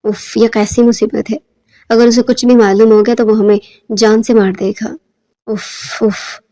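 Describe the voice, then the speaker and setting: Storybook part: a fretful, scheming middle-aged mother, read by a woman in a flat, mellow tone. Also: a little high, long reverb tail, close to an everyday voice. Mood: anxious. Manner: fretful, pressing.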